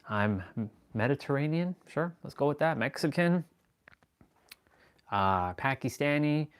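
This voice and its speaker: A man's voice: fairly high pitch, clear, resonant tone. A man hosting a live stream, talking in a rambling, self-assured spiritual monologue and restarting sentences as he goes.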